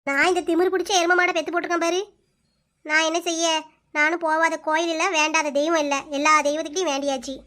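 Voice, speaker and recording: A woman's voice: extremely high pitch, level tone, quick pace, a bit bright. A woman voicing a worried, scolding middle-aged village mother in a cartoon, grumbling to herself. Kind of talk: cartoon voice-over.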